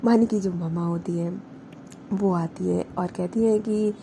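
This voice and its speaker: A woman's voice: lowish voice, fairly even intonation, a little slow, dark tone, a little hiss or hum. A young woman casually telling a love story aloud, chatty and rambling, often correcting herself as she goes.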